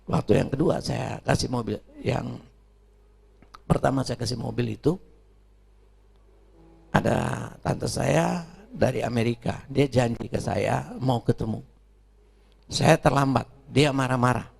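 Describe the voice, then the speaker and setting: A middle-aged male pastor preaching a sermon with personal stories, swinging between quiet asides and loud, emphatic bursts. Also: medium pitch, unhurried, pauses often. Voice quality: gravelly and raspy.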